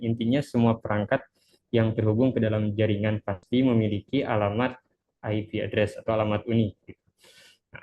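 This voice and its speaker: A man's voice: medium pitch, a little mellow. A man of twenty presents an introductory online lesson through a face mask, politely and hesitantly, sounding a little unwell. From Cianjur, West Java, Indonesia. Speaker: webinar presenter. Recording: dull, muffled lo-fi webinar audio.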